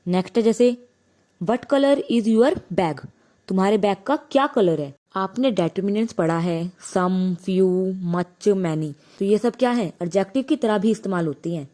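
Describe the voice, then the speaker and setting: A woman teaching a grammar lesson, slowly explaining and asking and answering her own questions. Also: mid-range voice, mellow.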